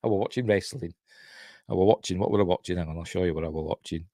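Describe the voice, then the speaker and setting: A middle-aged Yorkshireman with a low voice talks fast over a noisy background. He hosts a casual TV-review livestream for his channel, rambling and chatting with self-deprecating asides.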